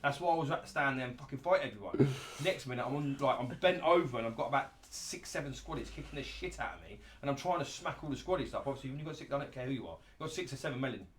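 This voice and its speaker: A man races through his stories at a rapid clip, blunt and full of swearing, laughing as he goes. His pitch sits in an ordinary middle range. It is a casual, anecdotal way of talking, as a host chatting with guests. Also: lively intonation, a little hiss or hum. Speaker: show host telling stories about a friend.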